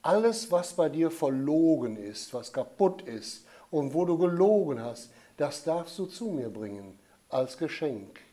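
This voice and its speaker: A man voicing a gentle, patient holy child in a storybook tale, speaking softly and calmly. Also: a little slow. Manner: soft, low, calm and explaining.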